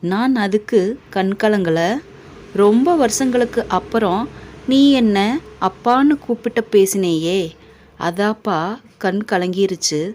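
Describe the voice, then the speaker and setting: A woman voicing an aging middle-class father who speaks softly and tenderly to his grown son. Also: medium pitch, takes it slowly, pauses often, slight background noise, natural voice.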